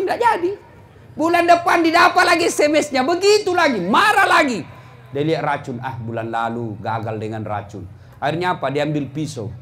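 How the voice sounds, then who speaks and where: A middle-aged man preaching a comic sermon to a crowd, swinging from shouts to low mutters as he acts out scenes. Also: a little hiss or hum.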